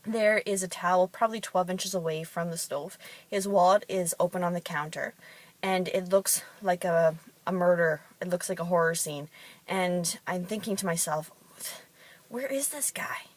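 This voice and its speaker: A woman's voice: fairly low pitch, steady tone, moderate pace. A woman who works in fitness and competes in bodybuilding, telling chatty stories with frequent ums. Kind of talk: casual storytelling monologue.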